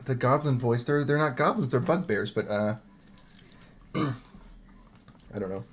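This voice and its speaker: A man's voice: mid-range voice, slow. A man running a tabletop game as dungeon master over an online voice call, talking loosely with lots of fillers and self-corrections.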